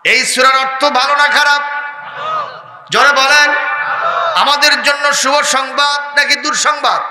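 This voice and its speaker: A man with a Bogra Bengali accent preaching an Islamic sermon, calling out to the crowd for responses and swinging between soft talk and loud chanted shouts. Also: extremely high pitch, steady tone, a little slow, echoey room, long reverb tail, heavy background noise. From Bangladesh.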